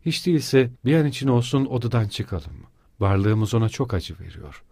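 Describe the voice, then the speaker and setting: A man voicing a proud, quick-tempered young woman who speaks firmly and defiantly. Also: mid-range voice, very animated, a little mellow, husky, no room sound. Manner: firm and defiant.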